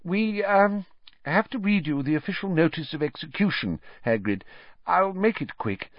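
A man's voice: sits high, lively intonation, moderate pace, no echo, voice pushed up. A man playing a fussy nervous official. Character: fussy nervous middle-aged male official. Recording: slightly muffled dry studio audio.

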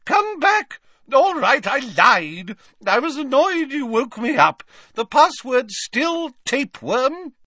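A man voicing a haughty, grumpy portrait of a woman who was woken at night, in a shrill, snippy voice. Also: very animated, slow, sharp tone, breathy edge, dry recording, clean studio sound, exaggerated voice.

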